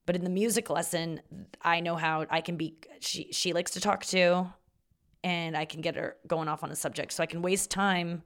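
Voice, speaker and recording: A woman with a low-pitched voice and vocal fry that sits in the back of her throat. She talks casually as a podcast host, rambling along in a self-deprecating way and swearing freely. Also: fairly even intonation, moderate pace. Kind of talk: casual solo podcast monologue.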